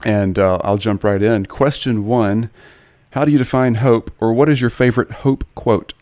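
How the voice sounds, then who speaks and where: A man's voice: lowish voice, steady tone, moderate pace, a little mellow, no echo. A man in his forties hosting a podcast interview, speaking in an earnest, personal and eager way. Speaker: podcast host.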